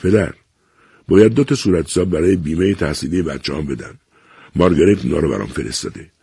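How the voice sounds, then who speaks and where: A man's voice: deep voice, expressive, gravelly, dark tone, husky, no room sound, studio quality, heavily acted. A man reading a novel aloud, voicing a middle-aged son who pleads emotionally and self-pityingly with his father. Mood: pleading.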